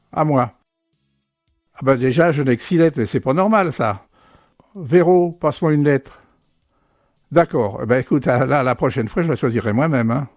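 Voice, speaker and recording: Man doing smug condescending dad, comic monologue, slightly high voice, dry sound. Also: a little mellow, no room sound. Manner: teasing, condescending, bickering. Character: sarcastic bossy middle-aged father, family scrabble game. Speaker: father keeping score. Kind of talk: comedy sketch monologue.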